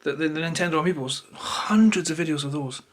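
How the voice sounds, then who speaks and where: A Scottish man talks straight to camera in a notably high voice for a male speaker. He rambles through an unplanned, opinionated rant, sounding irritated and swearing freely as he goes. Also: a little fast. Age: adult, parent of a toddler. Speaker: YouTuber. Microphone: camera held or placed close to him.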